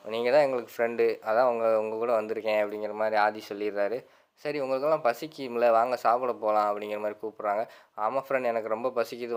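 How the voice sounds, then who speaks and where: A man's voice: fairly low pitch, clear, resonant tone. A man casually recapping a TV serial episode, quoting each character's lines in one running narration. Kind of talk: casual spoken story recap.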